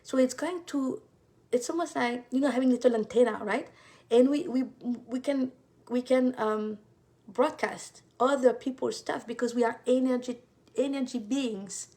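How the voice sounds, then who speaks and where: A woman's voice: high voice, normal speed, mellow. A woman from France with a French accent, an intuitive life coach talking casually to viewers, full of fillers and repeated words.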